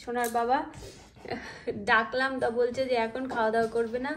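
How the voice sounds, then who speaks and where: A woman's voice: fairly high pitch, flat delivery, fast talker, recorded from a distance, slight background noise. A woman from India chatting casually to her viewers in a home vlog, with frequent hesitant fillers as she talks, recorded on a phone at home. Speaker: homemaker vlogger. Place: family home indoors. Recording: echoey room, voice set back from the mic.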